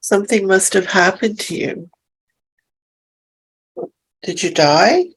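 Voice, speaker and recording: Slow, soft-spoken woman guiding hypnosis. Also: mid-range voice, slightly rough, poor audio. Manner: soft, slow and soothing, reassuring. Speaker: hypnosis practitioner. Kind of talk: gentle hypnosis session guidance.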